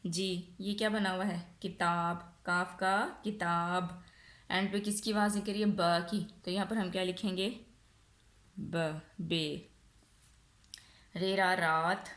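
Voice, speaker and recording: This nursery teacher, a woman with a Pakistani accent, gives a recorded online lesson in an echoey room, posing questions and answering them herself while stretching words out slowly. Her voice is lowish and steady in tone, with a slightly bright quality.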